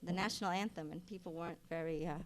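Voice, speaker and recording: A middle-aged woman giving a eulogy at a funeral for her mother. She tells personal stories in a rambling way, with many fillers and restarts, and gets loud and animated at the punchlines. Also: lowish voice, fast. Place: funeral service.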